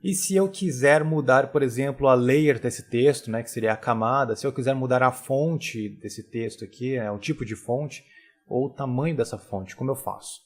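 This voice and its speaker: Relaxed man explaining software. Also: medium pitch, normal speed. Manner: relaxed, frequent tag questions and fillers. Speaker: software tutorial instructor. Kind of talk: casual screen-recorded tutorial.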